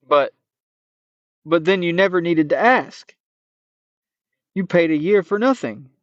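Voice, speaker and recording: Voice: medium pitch, lively intonation, takes it slowly, dry recording. A reader voicing a nervous young man who stammers hesitantly, on a dull, muffled recording. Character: nervous young male hero.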